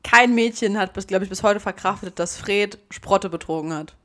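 A woman's voice: medium pitch, moderate pace, a bit bright. A young woman chatting casually as a podcast co-host, giggly and chatty, mixing in English slang. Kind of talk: casual chat.

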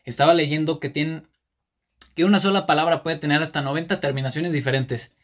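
A man's voice: on the high side, fairly even intonation, brisk, a bit bright. A man with a Mexican Spanish accent hosting a casual monologue podcast, rambling and often correcting himself with many fillers. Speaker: podcast host.

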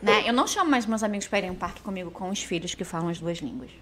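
A woman from Brazil chatting casually, telling lively stories, acting out quoted dialogue and laughing often. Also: on the low side, racing, heavy background noise. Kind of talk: casual chat.

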